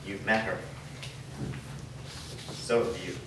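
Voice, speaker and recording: In a staged reading of a drama script, a man voices a grave, loyal, resolute companion. He speaks slowly in a low, steady tone. The recording is noisy and very echoey, captured from far off in a hall.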